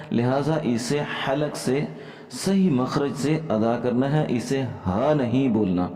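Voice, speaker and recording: A man teaching Quran reading, patiently spelling out each letter and vowel and slowing down for recitation. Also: medium pitch, warm tone. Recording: echoey room with long reverb.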